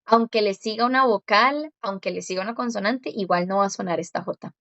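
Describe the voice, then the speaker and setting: A woman's voice: medium pitch, fairly bright tone, dry recording, dull audio. Patient woman teaching a language lesson. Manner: patient, explains step by step and repeats words slowly.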